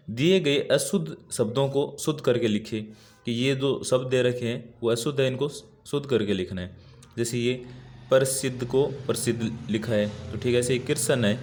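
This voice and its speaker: A man's voice: medium pitch, a little mellow. Patient male teacher repeating words. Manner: patient, repeats each word while writing it. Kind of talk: workbook answer lesson.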